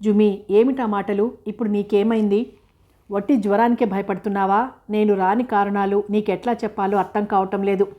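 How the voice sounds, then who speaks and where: A woman's voice: mid-range voice, fairly even intonation, normal speed, highs cut off, lightly acted. A woman voicing a lovesick, anguished young man who pleads emotionally. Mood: pleading.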